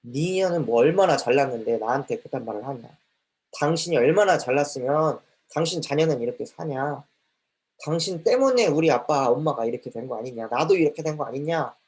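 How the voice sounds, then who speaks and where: A man's voice: fairly high pitch, lively intonation, fairly quick, darkish tone, voice pushed down, lightly acted. A man acting out his younger self, cursing at his grandmother in a harsh, furious rant.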